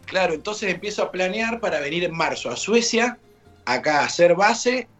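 An Argentine man, a guest author, telling stories in a lively, blunt, joking way. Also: high voice, normal speed, over music. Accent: Argentine Spanish. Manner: lively storyteller, blunt jokes. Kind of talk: casual interview chat.

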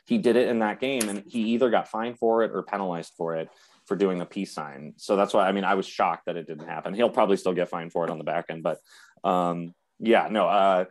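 A man's voice: sits low, fairly quick. A man co-hosting a podcast in casual sports chat, rambling with lots of fillers and restarts. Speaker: podcast co-host.

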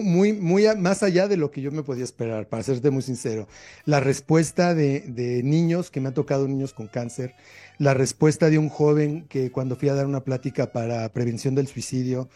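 A Mexican-accented guest author, interviewed in conversation, shares stories earnestly and reflectively. He speaks in a mellow, mid-range voice.

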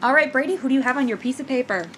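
A woman's voice: high voice, fairly bright tone, a little hiss or hum, low-quality recording. A woman co-hosting a podcast in casual, teasing banter. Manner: teasing, playful, quick banter. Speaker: podcast co-host. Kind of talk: casual chat.

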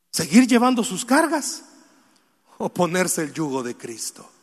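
A man preaching a sermon, addressing the congregation directly with questions and moving between soft, sorrowful confession and loud exhortation. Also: sits high, in a large hall.

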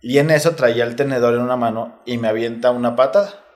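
Talking fast in a mid-range voice, a retired footballer with a Mexico City Spanish accent shares a personal story during a laid-back interview. He tells it openly, in slang, step by step.

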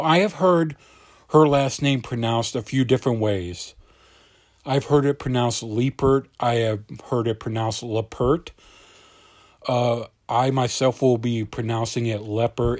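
A man's voice: medium pitch, a little mellow, no room sound. Man narrating suspenseful true crime, dry close sound. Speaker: podcast host.

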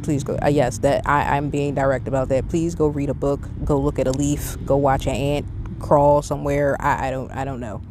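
Against a noisy background, a middle-aged woman hosts her podcast solo in a rumbling low voice, delivering flatly at normal speed. Unscripted and casual, she rambles candidly while offering emphatic advice.

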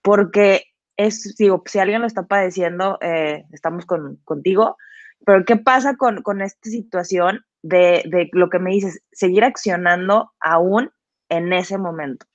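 A woman hosts the talk and asks her question slowly, searching for her words as she goes. The sound is dry and close, and it is a little dull, like audio from a call. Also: on the low side, no room sound. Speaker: host. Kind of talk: interview questions.

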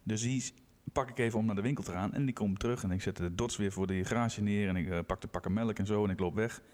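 A man's voice: fairly low pitch, fast. A Dutch man from Groningen, co-hosting a casual podcast and telling a story with acted-out quotes. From Groningen, Netherlands. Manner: animated anecdote teller, acts out quotes. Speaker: podcast co-host, physiotherapist. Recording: room with long reverb.

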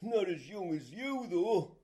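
A man plays a cheeky joker who spins his first-kiss yarn slowly and with plenty of teasing. His voice sits high yet sounds mellow and soft. This is an amateur audio drama. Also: big pitch swings. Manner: teasing, joking storyteller.

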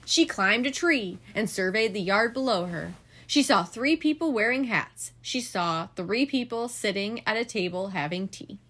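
A mother reading a storybook aloud at bedtime, animated and expressive. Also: mid-range voice, normal speed.

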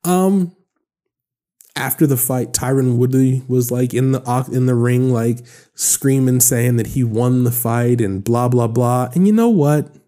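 A man in his thirties talks through a solo podcast episode, rambling from one joke to the next with plenty of ums and likes. His voice is mellow and relaxed, sitting at an ordinary middle pitch. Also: a little slow. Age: 30s. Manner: rambling, joking, lots of fillers. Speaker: podcast host. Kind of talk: casual solo podcast monologue.

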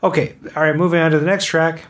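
Male quiz host, slightly higher pitch, relaxed and unscripted conversational delivery. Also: fast talker. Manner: casual, easygoing chat. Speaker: host of a music quiz show. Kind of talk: natural unscripted talk.

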